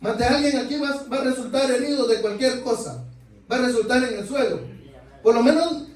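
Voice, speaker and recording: Male preacher, very high voice, heard from a distance in a reverberant sanctuary, sermon delivery full of "brothers" and questions. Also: fairly quick, darkish tone. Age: adult. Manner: keeps addressing listeners as brothers, asks rhetorical questions. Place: church sanctuary. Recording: echoey church, mic far off.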